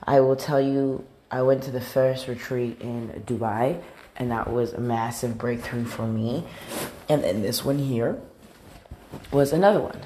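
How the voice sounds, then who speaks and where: With a very deep, warm voice and an unhurried pace, this podcast host delivers motivational content from a large bathroom, with a little hiss or hum in the recording. She comes across as upbeat but repetitive and filler-heavy, groggy from the morning and a slight cold.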